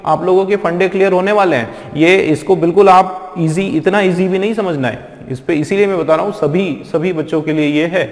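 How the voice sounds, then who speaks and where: A man's voice: sits high, normal speed, few pauses. A man teaching a spoken English lesson, explaining step by step and often asking his students questions. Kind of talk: classroom lesson explaining pronunciation. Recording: echoey room with long reverb.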